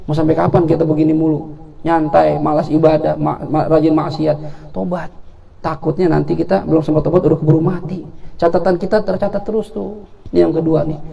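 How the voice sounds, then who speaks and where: A man preaches an Islamic sermon in a high yet mellow voice. He tells his stories with animation, jokes as he goes and acts out the dialogue himself. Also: gravelly. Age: 40s. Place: event hall.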